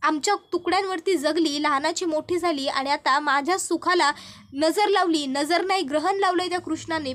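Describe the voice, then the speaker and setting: A woman's voice: high voice, fairly bright tone. A woman voicing Pooja, a possessive, jealous young woman who rants bitterly, in a retold TV serial. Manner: bitter, ranting.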